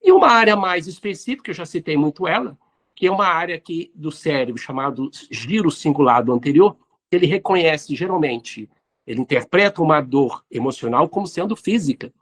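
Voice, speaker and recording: A man's voice: fairly high pitch, lively intonation, a little fast, fairly bright tone. Didactic man explaining. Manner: didactic, addresses listeners directly. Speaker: host answering listener questions. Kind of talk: explanatory talk on neuroscience and spirituality.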